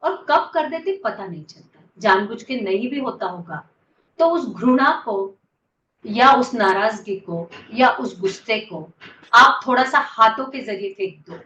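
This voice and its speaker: A woman's voice: fairly high pitch, lively intonation, unhurried, bright, forceful tone, slight background noise. A woman leading a guided yoga and breathing class, urging her students on with repeated commands. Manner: commanding, urgent coaching with repeated calls. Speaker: yoga instructor. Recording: distant, roomy, dull lo-fi sound.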